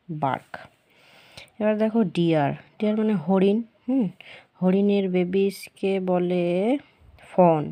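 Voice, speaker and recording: A woman teacher, explaining a children's workbook lesson patiently and repeating the answers slowly. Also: on the low side, dark tone.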